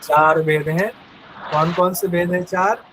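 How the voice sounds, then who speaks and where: A man's voice: high-pitched, steady tone, unhurried, fairly bright tone, a little hiss or hum, rough recording. A man teaching a live online yoga exam-prep class in speech, explaining step by step, repeating key terms and quizzing his students.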